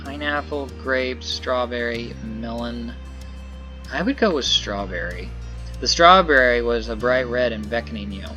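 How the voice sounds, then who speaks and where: A man plays through a visual novel, reading the narration aloud and casually commenting on the choices he makes. His voice is medium in pitch, bright and forceful, and a little slow, with faint music in the background.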